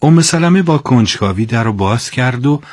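A man narrating a religious story in an expressive, dramatic storytelling manner. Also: mid-range voice, dry recording, studio quality.

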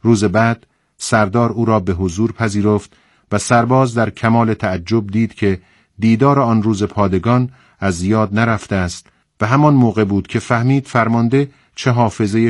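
A man reading a book passage aloud on a radio program, with calm, measured storytelling. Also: fairly low pitch, no echo, studio quality.

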